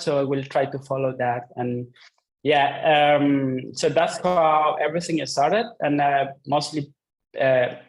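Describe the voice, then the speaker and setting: A man with a Chilean accent and a fairly high voice, a native Spanish speaker. He tells his story in English with many pauses and fillers, polite and unhurried. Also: poor audio. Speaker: guest researcher. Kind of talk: casual interview chat.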